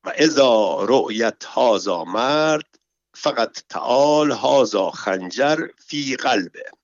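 A man reading a story, voicing a nosy and vengeful palace woman who speaks slow, heavily stressed broken Arabic. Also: medium pitch, expressive, dry recording, close to an everyday voice. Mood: furious. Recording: dull, dry recording.

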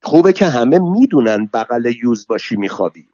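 A spiteful, sharp-tongued woman, as a male reader puts her on, taunting with sly jabs. The recording is dull and lo-fi, in a dry space. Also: mid-range voice, very animated, no room sound.

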